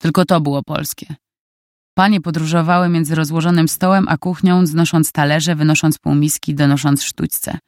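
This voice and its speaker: A narrator reading a novel aloud in calm, even scripted narration. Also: mid-range voice, normal speed, dry recording, studio quality.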